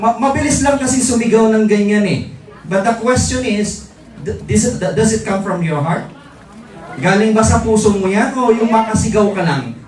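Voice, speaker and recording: A man's voice: high voice, normal speed, darkish tone. A middle-aged man, giving a live motivational seminar talk to distributors, teasing the audience and asking rhetorical questions. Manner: teasing, jokes with the crowd, asks rhetorical questions. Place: large indoor event hall. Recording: echoey hall from far off, faint crowd. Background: faint audience noise.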